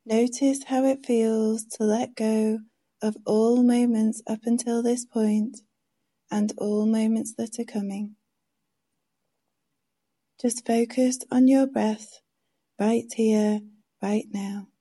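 Lady doing guided meditation, really soft n mellow, hushed, takes it slow. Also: a little high, little pitch movement. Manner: soft, soothing, hushed delivery; slow, gentle instructions with pauses.

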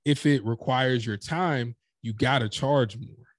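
A man's voice: mid-range voice, measured pace, no room sound, clean studio sound. A man guesting on a podcast as a professional speaker, chatting casually and emphatically, acting out quotes as he makes his points. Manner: animated, emphatic storytelling with acted-out quotes. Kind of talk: casual interview chat.

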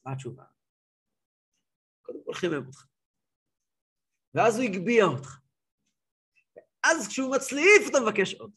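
High-voiced rabbi telling an animated story. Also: male voice, long pauses, breathy edge. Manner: animated, acts out scenes, repeats words. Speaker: rabbi teaching a class. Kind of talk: lively storytelling lesson.

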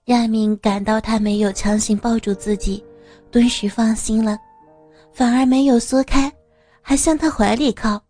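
A woman narrating an audio story in a smooth, steady reading voice. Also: fairly high pitch, measured pace, faint music behind.

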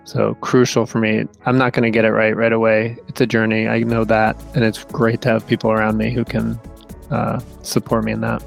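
A man co-hosting a podcast, speaking thoughtfully and hesitantly, with halting restarts as he reflects. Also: lowish voice, completely flat delivery, creaky, faint music behind. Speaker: podcast co-host. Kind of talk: casual reflective podcast talk.

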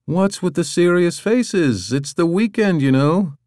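A man's voice: high voice, lively intonation, measured pace, darkish tone, no echo, clean studio sound, voice pushed up. A man doing a breezy, boastful friend.

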